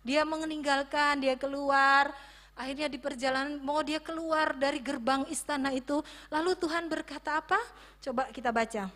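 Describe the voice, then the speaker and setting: High, bright-voiced woman preaching to kids. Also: normal speed. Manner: animated storytelling, asks the children questions. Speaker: children's church teacher. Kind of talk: sermon for children.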